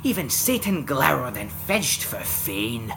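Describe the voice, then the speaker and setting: A Scottish man gives a dramatic recitation of a Scots narrative poem, theatrical and expressive, swinging from hushed to loud. His pitch moves widely and his pacing is unhurried. Clear background noise is audible in the recording.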